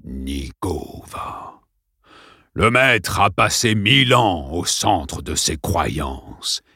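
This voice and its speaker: A man puts on a menacing school principal from a storybook. He speaks slowly, in clipped, commanding orders, with a low voice. The recording is dry and close. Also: very animated, pushed and bright, breathy edge, dry recording, full character voice. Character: cold menacing middle-aged male school principal.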